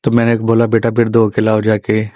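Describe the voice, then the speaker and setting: Flat-voiced father narrating a family vlog. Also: fairly low pitch, a little fast, no room sound. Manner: plain step-by-step recounting. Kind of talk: voice-over storytelling.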